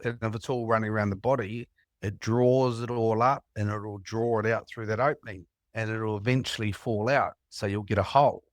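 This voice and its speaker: Rambling New Zealand-accented man, low voice. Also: steady tone, normal speed, no room sound, studio quality. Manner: rambling, anecdotal storytelling with laughs. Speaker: caller. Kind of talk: casual phone chat.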